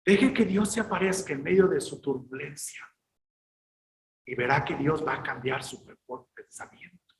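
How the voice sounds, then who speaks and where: A male pastor preaching a sermon, emphatic and at times rising to shouted exhortations. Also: on the high side, animated, normal speed, roomy sound, slight background noise, low-quality recording.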